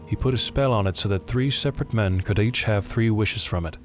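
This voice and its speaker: A man's voice: fairly low pitch, brisk, soft background music, close to an everyday voice. A man voicing a grave, weary middle-aged sergeant major, terse and solemn.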